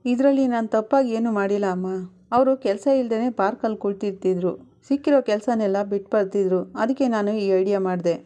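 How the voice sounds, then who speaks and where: A woman's voice: mid-range voice, fairly quick, warm tone, lightly acted. A woman voicing an upset young wife who complains of being left alone to blame. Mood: hurt. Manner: complaining, hurt.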